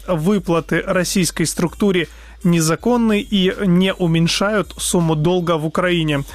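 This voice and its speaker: A man co-hosting a live radio news programme, presenting in a hesitant, halting way. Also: on the high side, dry recording. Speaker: radio co-host. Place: radio studio.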